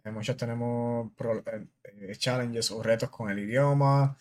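A Puerto Rican army officer hosts a podcast interview, speaking with a Puerto Rican Spanish accent in a medium-pitched, steady, slightly mellow voice. His pace is a little slow, and his casual, earnest talk often restarts and repeats words.

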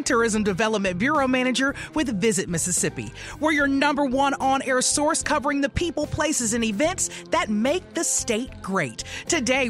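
A radio host introducing a show and guests in an upbeat, affirming way. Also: female voice, fairly high pitch, fairly bright tone.

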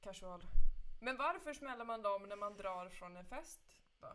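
A woman in casual podcast conversation with a middle-pitched voice. She muses aloud about people's motives and fills in with short agreeing sounds. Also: expressive, pushed and bright. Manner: reflective, muses on motives, many short back-channel replies. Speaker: podcast co-host. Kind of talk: casual chat.

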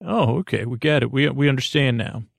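With a creaky, gravelly, medium-pitched voice, a man hosts a sleep podcast, delivering a rambling bedtime monologue that meanders, halts, turns goofy and keeps interrupting itself. There's no room sound.

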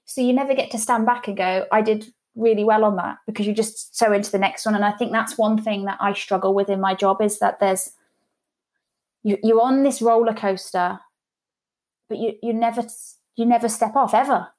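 A woman's voice: medium pitch, fairly even intonation, normal speed, darkish tone. A woman in her thirties, a guest talking candidly and chattily about running her own PR business, often restarting her sentences. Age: 30s. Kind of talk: casual interview conversation.

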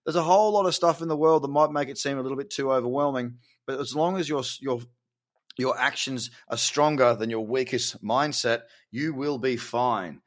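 A man's voice: mid-range voice, moderate pace. A man, casually running through a market update, chatty and encouraging, and often correcting himself mid-sentence. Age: 30s. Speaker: crypto market vlogger.

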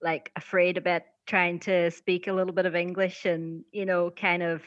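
A woman's voice: on the low side, little pitch movement, moderate pace, dry recording. A woman in her thirties with a Donegal Irish accent, telling a personal story casually and hesitantly as a podcast guest. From County Donegal, Ireland. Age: 30s. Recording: slightly dull, lo-fi sound.

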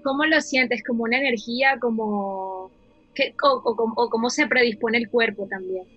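A woman's voice: on the high side, normal speed, husky, dull audio, faint music behind. A woman hosting a casual podcast interview, asking long, searching questions. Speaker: podcast host.

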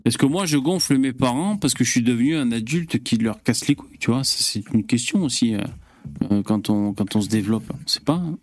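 A man's voice: medium pitch, expressive, fairly quick, no room sound, faint music behind. A man hosting a casual live-stream chat, loose and profane, with lots of fillers. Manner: loose, swears often, trailing fillers. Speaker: host.

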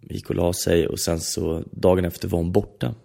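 A man's voice: low voice, little pitch movement, gravelly, dark tone. A man in casual chat, telling long stories with many restarts and filler phrases.

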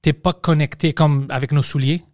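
A casual male podcast host with a slightly high voice, swearing and mixing English into his French. The recording is very dry and close. He chats loosely and trades in plenty of filler. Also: fairly even intonation, moderate pace, darkish tone, dry recording. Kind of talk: casual conversation.

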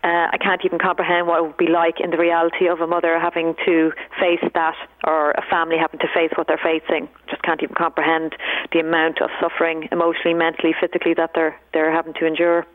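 Halting Irish woman on a phone line. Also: sits low, completely flat delivery. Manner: halting, hesitant delivery with repeated words. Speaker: guest, singer-songwriter. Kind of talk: live radio phone interview. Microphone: telephone. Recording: thin, narrow telephone line.

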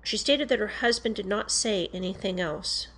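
A woman reading a police interview report aloud in a formal, measured, matter-of-fact way. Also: mid-range voice, a bit bright, low-quality recording.

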